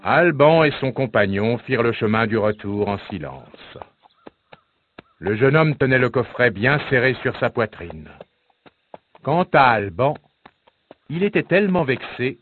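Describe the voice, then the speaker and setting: Male storybook narrator, slow and expressive, tinny sound. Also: mid-range voice, slight background noise. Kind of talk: storybook read-aloud. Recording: tinny phone-like sound, faint music.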